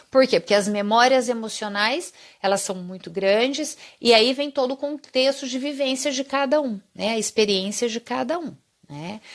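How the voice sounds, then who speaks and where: A woman hosting a live psychology talk, explaining patiently and often checking in with the viewers. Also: fairly high pitch. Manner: explanatory, often adds tag question 'né'. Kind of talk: live stream talk answering viewer comments.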